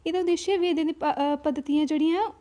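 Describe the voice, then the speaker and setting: A woman with a Dogri accent teaching an exam-prep lesson in a high, mellow voice. She explains step by step, often stopping to check in and restarting her sentences. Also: fairly even intonation, fast talker.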